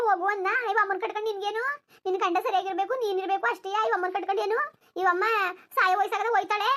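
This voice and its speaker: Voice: very high voice, pushed and bright. A voice actor playing a protective mother in a cartoon, firm and reassuring toward her daughter. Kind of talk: cartoon voice acting.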